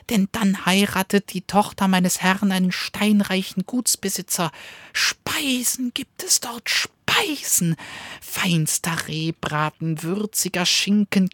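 A man's voice: sits high, no echo, studio quality, pitched above the performer's own voice. A man voicing a small, skinny, crafty male dog who yaps and wheedles. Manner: yapping, fast and wheedling.

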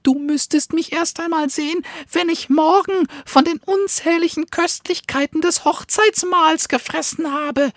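A man's voice: very high voice, a bit bright, no room sound, studio quality, pitched above the performer's own voice, exaggerated voice. A man voicing a small, skinny, crafty male dog who yaps and wheedles. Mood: tempting. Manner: yapping, fast and wheedling.

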